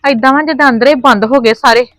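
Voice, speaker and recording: Woman acting cursing mother-in-law, high voice, dry sound, faint music. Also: quick pace, a bit bright, no echo, poor audio. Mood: bitter. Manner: shrill, cursing, scolding. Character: scolding quarrelsome mother-in-law, shut out of the house. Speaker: actor. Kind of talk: village family drama acting.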